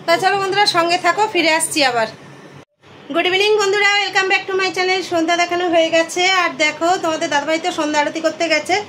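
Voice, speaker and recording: A middle-aged woman talks to her viewers as friends in a relaxed home vlog, her voice pitched high. She is filmed on a phone camera indoors, with a faint hum of street traffic behind her. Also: quick pace. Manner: chatty, addresses viewers as friends, coos at pet. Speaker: vlogger. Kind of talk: casual home vlog narration.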